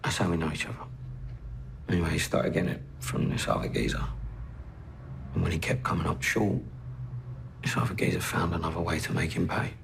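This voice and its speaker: An actor playing a guarded young male drug dealer in a police interview, speaking flatly. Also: low voice, a little fast, gravelly, long pauses, slight background noise, heavily acted. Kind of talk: TV crime drama acting.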